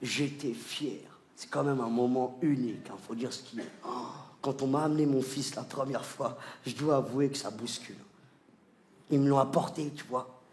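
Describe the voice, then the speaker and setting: A man, doing stand-up comedy on a theatre stage, animated and stammering between shouted bits. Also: mid-range voice, moderate pace. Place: large theatre stage before a live audience. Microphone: stage microphone. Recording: roomy theatre echo with audience noise.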